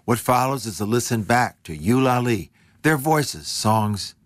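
A man hosting a radio program, introducing guests and asking questions in a calm, measured way from a studio. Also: mid-range voice, dry recording. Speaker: radio host. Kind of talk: radio interview and narration.

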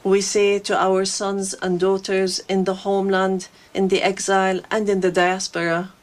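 Woman giving a flat translation voice-over. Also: medium pitch, moderate pace. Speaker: interpreter.

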